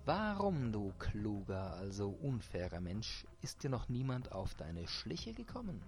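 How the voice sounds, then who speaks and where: A man voicing a brutal, greedy man who talks in a low, sneering, menacing way. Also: moderate pace, music in the background, close to an everyday voice.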